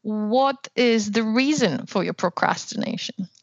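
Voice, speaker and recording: A woman's voice: on the high side, measured pace, dry recording. Academic woman on a podcast, keeps asking "right?", dry muffled sound. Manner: thoughtful, hedging with "right?" and "you know". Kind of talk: casual academic discussion.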